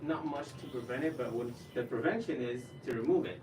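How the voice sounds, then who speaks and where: A man with explains patient care in a halting, reassuring way. His mid-pitched voice sits away from the mic in an echoey room, with noise over the recording. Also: far from the mic. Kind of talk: informal medical consultation.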